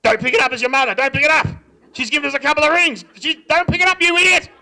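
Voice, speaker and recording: A comedian voicing his cranky, shouting Australian father. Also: extremely high pitch, steady tone, rapid-fire, voice pushed up, heavily acted. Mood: irritated. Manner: bellowing, gruff, exasperated.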